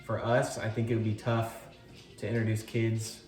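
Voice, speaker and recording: A man's voice: on the low side, monotone, normal speed, darkish tone. A man in his twenties co-hosting a casual chat, telling stories in a laid-back, rambling way. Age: 20s. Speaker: vlog co-host. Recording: roomy echo, faint music behind. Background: faint background music.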